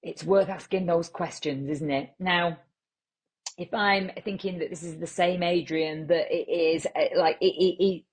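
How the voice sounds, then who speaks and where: A woman with a Lancashire accent hosting a comic podcast, rambling through absurd deadpan asides and calling listeners treasure. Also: on the low side, unhurried, breathy edge. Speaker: podcast host.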